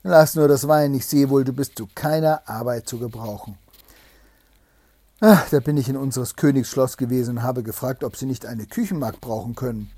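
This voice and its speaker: A man's voice: mid-range voice, normal speed, mellow, no echo, natural voice. A man voicing a stern, impatient poor husband who scolds his wife in a fairy tale. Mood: stern scolding.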